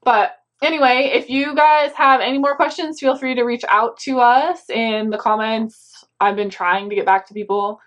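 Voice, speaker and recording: A woman's voice: on the high side, steady tone, normal speed, few pauses, a bit bright. Chatty young woman giving casual advice. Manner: chatty and explanatory, with frequent yeahs and ums. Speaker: co-host of a reselling channel. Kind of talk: casual chat answering viewer questions.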